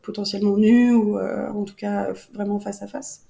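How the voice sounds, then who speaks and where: A woman hosting an interview podcast, asking questions in a calm, reflective way. Her voice is gravelly and mellow, with little rise and fall. She is recorded in a roomy, echoey space. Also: medium pitch, moderate pace. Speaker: podcast host.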